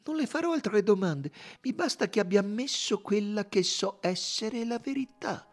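A man doing a high, fussy detective. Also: lively intonation, normal speed. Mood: soothing. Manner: high, precise, coaxing. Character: fussy, gentle Belgian detective, middle-aged man.

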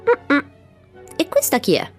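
A woman reading aloud and voicing a sharp-tongued talking chrysanthemum in a fairy tale, piercing and haughty. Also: takes it slowly, faint music behind, natural voice.

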